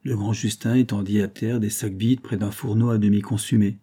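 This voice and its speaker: A man reads a classic novel aloud in a steady, measured storytelling manner. His voice sits low and sounds husky, with a dark, mellow tone. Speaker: audiobook reader. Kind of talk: scripted narration of a novel.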